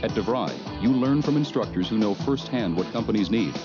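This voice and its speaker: A man's voice: on the low side, animated, a little fast. A man narrating a scripted commercial for a school. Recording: lo-fi TV ad with loud guitar music.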